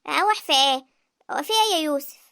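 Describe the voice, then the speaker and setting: Expressive Egyptian cartoon heroine, played by a woman, high-pitched and quick. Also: gravelly, no room sound, clean studio sound, exaggerated voice. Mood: defensive. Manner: animated, expressive. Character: young village woman Sara, lively and emotional. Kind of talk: cartoon voice acting.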